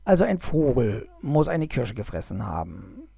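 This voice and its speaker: A man voicing an old male goblin in a storybook reading, unhurried and a little grumbling. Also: medium pitch, very animated, vocal fry, mellow, husky, no echo, clean studio sound, exaggerated voice. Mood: patient.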